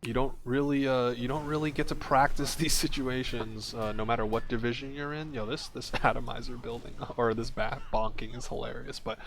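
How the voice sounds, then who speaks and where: Chill guy doing play-by-play on a game match, mid voice, faint hiss behind. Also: medium pitch. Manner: quick play-by-play, relaxed and joking. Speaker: esports play-by-play caster. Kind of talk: casual live game commentary.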